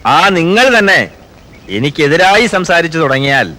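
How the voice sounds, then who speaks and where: An actor playing a principled middle-aged chief minister in a film drama, speaking in a measured, earnest, reassuring way. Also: male voice, medium pitch, animated, over loud music, close to an everyday voice, low-quality recording. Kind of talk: 1990s film drama dialogue.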